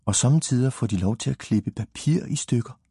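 A man voicing a proud, know-it-all little girl in a storybook reading, explaining with a husky voice. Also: medium pitch, dark tone, no echo, clean studio sound.

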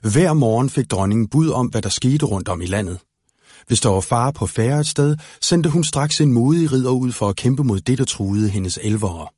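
A man reads a fairy tale aloud in a calm, even way. His voice is husky and of middling pitch. The recording is close and dry. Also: no room sound. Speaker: audiobook narrator. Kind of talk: storybook narration.

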